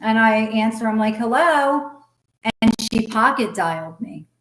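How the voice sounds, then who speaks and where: A woman's voice: fairly high pitch, animated, unhurried, fairly bright tone. A middle-aged woman telling a personal story candidly and bluntly, swearing freely and acting out past conversations in quoted voices. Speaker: guest sharing her story. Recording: roomy echo.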